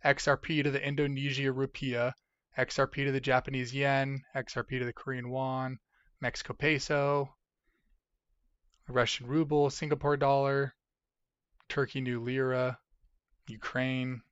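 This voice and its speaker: A man's voice: medium pitch, level tone, a little slow, long pauses, fairly bright tone, smooth, no echo, dull audio. A tired, sleepy man hosting a casual livestream, from the United States, rambling as he reads chat aloud. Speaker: livestream host.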